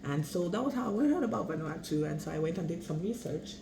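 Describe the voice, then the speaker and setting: A woman's voice: on the low side, lively intonation, fast, gravelly. A young woman from Cameroon giving travel tips in a casual, rambling vlog, often correcting herself. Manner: chatty, rambling, self-correcting. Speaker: travel vlogger. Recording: echoey room with background noise.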